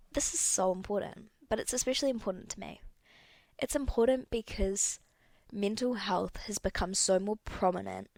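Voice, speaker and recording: A woman's voice: mid-range voice, creaky, darkish tone, no room sound. A young woman hosting a solo podcast, talking candidly and rambling a little, correcting herself as she goes. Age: young adult. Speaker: podcast host. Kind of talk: casual solo podcast talk.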